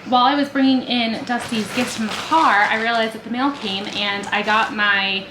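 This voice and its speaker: A woman's voice: a little high, fairly even intonation, normal speed. Chatty woman vlogging in an echoey room. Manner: chatty, rambling, frequent "like" fillers. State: congested from a cold. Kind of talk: casual vlog chat. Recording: echoey room with loud background noise.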